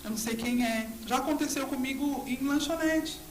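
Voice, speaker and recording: A woman's voice: high-pitched, fairly quick. A woman pastor with a Brazilian accent, telling her faith testimony in an interview and acting out the dialogue. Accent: Brazilian Portuguese. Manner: animated storytelling, acting out dialogue with God. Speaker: pastor and guest.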